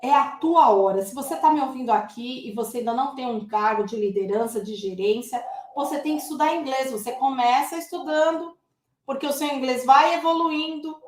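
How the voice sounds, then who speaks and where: Teacher, woman, high voice, chatty and direct with viewers, echoey room. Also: brisk. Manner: lively, addresses viewers as "gente". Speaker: English teacher. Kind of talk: casual online English lesson.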